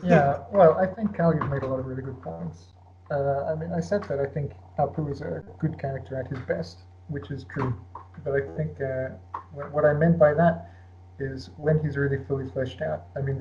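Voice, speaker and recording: Casting: male podcast co-host, measured and polite, dull lo-fi mic with faint hiss. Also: mid-range voice, steady tone, dark tone. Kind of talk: casual panel chat.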